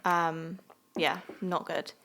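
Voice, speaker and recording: A young woman from the South of England co-hosting a casual sports podcast, teasing and quick to laugh. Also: on the low side, flat delivery, sharp tone, a little hiss or hum. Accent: Southern English. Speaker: podcast co-host. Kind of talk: casual chat.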